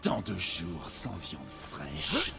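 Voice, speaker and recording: A man's voice: sits low, huge pitch swings, extremely slow, creaky, over music, full character voice. A man playing a hungry, sinister flesh-eating raider in a video game, gloating as he talks. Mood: gloating menace.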